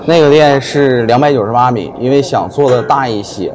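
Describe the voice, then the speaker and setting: A man from China who runs a milk tea shop thinks aloud while giving casual interview answers. His medium-pitched voice is fairly quick, with music and busy crowd chatter in the background.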